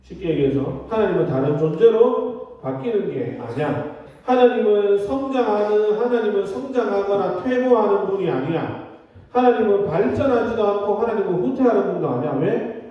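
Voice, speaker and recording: A man's voice: high voice, expressive, moderate pace. Man, youth pastor, casual sermon, teasing questions to kids, distant dull recording with a long echo. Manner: chatty, teasing, asks the children direct questions. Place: church hall.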